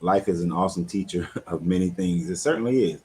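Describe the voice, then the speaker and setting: Brisk and darkish in tone, this low male voice comes with a little hiss or hum in the audio. The speaker, a life coach in his fifties, hosts a relaxed live-stream talk and speaks frankly and conversationally.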